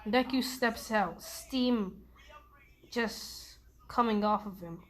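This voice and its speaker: A woman's voice: mid-range voice, takes it slowly. A woman improvising a fan story casually, hesitating with ums and restarts.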